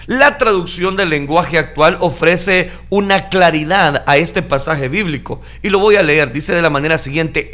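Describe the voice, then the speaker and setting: With a fairly high voice, this preacher dramatizes scripture in his sermon, alternating between calm explanation and loud acted outbursts. He shouts the crowd's lines for effect.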